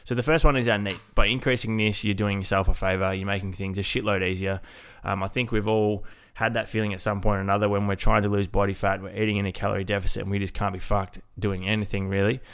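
A man's voice: on the low side, level tone, fast, hardly any pauses, fairly bright tone, clear, resonant tone. A man with a nasal, congested-sounding voice, hosting a casual solo fitness podcast in an informal way. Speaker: podcast host, fitness coach.

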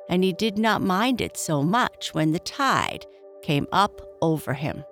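A woman plays a big, kindly, cheery father from a children's bedtime story. The voice is low for a woman and takes its time, telling the tale gently over faint music. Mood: cheerful reassuring.

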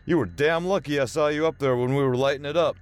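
A man voicing a rough male vigilante who shouts and curses, pitched above his usual voice. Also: fast talker, no echo, close to an everyday voice. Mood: angry. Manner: shouting, cursing.

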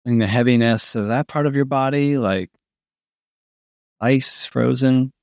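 A man narrating a guided sleep meditation in a slow, soothing manner with long pauses, like a sleep story narrator. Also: medium pitch, a little mellow, dry recording, clean studio sound. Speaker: podcast host guiding a sleep meditation.

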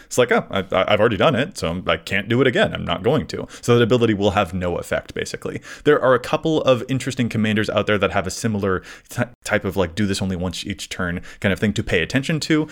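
A man co-hosting a casual podcast, animated and quick to laugh as he explains game details. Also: on the low side. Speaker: podcast co-host.

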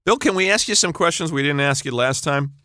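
A man's voice: on the high side, a little fast, bright, forceful tone, no room sound. A man co-hosting a podcast, asking questions in casual interview chat.

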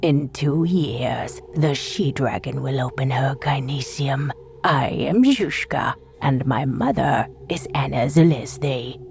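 A man voicing the ghost of a dead young noblewoman, slow, eerie and half-whispered. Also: medium pitch, gravelly, slight background noise, voice pushed up. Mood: eerie pleading.

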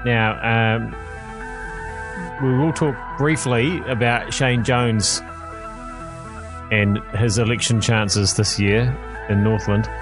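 A man's voice: medium pitch, fairly even intonation, slow pace, pauses often. A man hosting a casual news chat show, jokey and full of fillers. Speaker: podcast host. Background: music.

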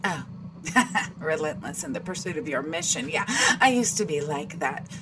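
A woman's voice: low-pitched, animated, normal speed, noisy background. An actress playing a playful female android who reads minds and taunts her opponent with laughs. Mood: teasing. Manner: teasing, mocking, laughs between lines. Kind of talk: audio drama acting.

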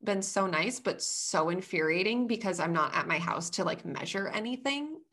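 A woman co-hosting a podcast in casual chat, telling stories in a chatty, animated way with frequent laughs. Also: medium pitch, normal speed. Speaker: podcast co-host. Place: away from home, recording remotely. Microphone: headphones over both ears.

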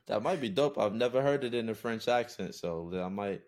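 A young man from Brooklyn, New York talks as a podcast guest with a very low voice. His casual chat is loose and relaxed and full of "uh" fillers. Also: normal speed. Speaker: podcast guest, recording artist.

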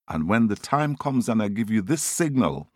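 A man voicing a clever male trickster rabbit who gives brisk orders and rushes in a panic when scheming, in a storybook tale. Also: lowish voice, sing-song, a little hiss or hum. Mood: commanding. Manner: brisk, commanding, turns frantic when scheming.

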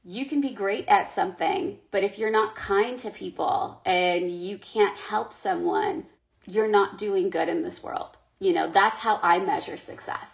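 On a podcast, a middle-aged Sri Lankan guest speaks in an unhurried, creaky, mid-range voice. She answers casual interview questions earnestly, often repeating herself word by word, in lo-fi audio that sounds dull.

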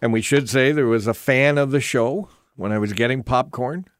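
A man's voice: medium pitch, moderate pace, no room sound. Canadian man co-hosting radio, dry close sound. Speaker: radio co-host. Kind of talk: casual radio chat and show promotion.

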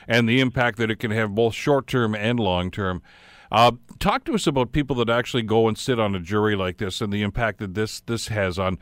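A man hosting a radio talk show from the studio, his voice sitting fairly low. He talks conversationally and restarts his words as he frames questions. The studio mic sounds close and dry, with no room around it. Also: fairly bright tone, no echo. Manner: conversational, repeats words while framing questions. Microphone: studio microphone.

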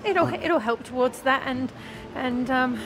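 A middle-aged Australian woman with a high voice, speaking into a handheld microphone amid clear background noise. She chats casually, flustered and rambling, in a down-to-earth way. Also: a little slow. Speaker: radio competition winner. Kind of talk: casual live on-air chat. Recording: clearly noisy background ambience.

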